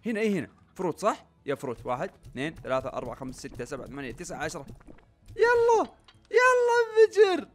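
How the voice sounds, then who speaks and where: Excitable young man. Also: medium pitch, very fast, few pauses. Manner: excitable, chatty, talks to viewers while playing. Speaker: gaming YouTuber. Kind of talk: casual let's-play commentary. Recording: faint game music behind.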